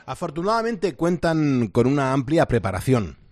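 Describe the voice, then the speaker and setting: A man presenting a scripted radio report, clear and measured. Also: mid-range voice, big pitch swings, a little mellow, no room sound.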